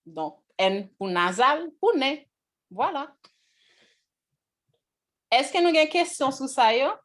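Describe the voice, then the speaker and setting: A woman teaching a language class on pronunciation, pausing often to check whether the students follow. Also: high voice, very animated.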